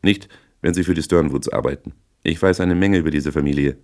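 Deep, gruff and sullen, this small-time crook, voiced by a male reader, grumbles his answers from the low end of the voice. He stays shifty and defensive throughout, as in a spoken detective story. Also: brisk, a little mellow. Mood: surly.

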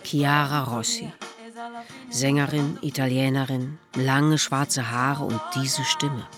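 Drama narrator, measured and matter-of-fact, mid-range voice, faint music underneath. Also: medium pitch. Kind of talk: scripted narration.

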